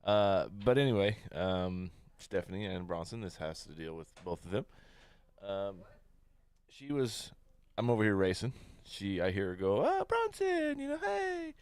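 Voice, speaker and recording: Very deep-voiced Midwestern man. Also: normal speed, darkish tone, clear, resonant tone, dry recording. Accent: Midwestern American. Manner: laid-back storytelling, swears casually. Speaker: podcast host. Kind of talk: casual chat.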